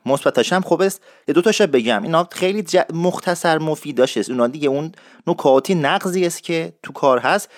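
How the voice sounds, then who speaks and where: A man teaching dialect expressions, explaining in a lively way and repeating words slowly for learners. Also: a little high, dry recording, clean studio sound. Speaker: language teacher.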